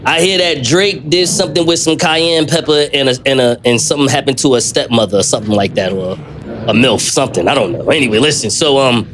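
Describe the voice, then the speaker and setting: A brash TV judge who brushes everyone off and rambles on, played by a man in a comedy courtroom skit. The voice sits mid-pitched with a faint hiss underneath. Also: a little fast, lightly acted. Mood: bossy. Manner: blustering, dismissive, rambling. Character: brash loudmouthed male TV-style judge. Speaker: podcast co-host.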